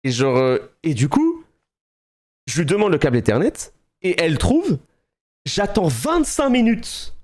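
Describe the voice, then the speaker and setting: A man's voice: fairly high pitch, measured pace, pauses often. A young man from France telling a funny everyday story on a live stream, casual and slangy, acting out what people said and laughing often. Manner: animated, slangy, acts out quotes, laughs often.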